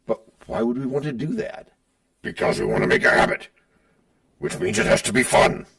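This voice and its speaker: A middle-aged male podcast host trades playful scripted banter with himself. His voice is deeply gravelly and husky, and his pitch swings widely. The mic sits some way off. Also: wildly swooping pitch, normal speed, a bit bright, distant mic. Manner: playful, switching between his own voice and a sidekick.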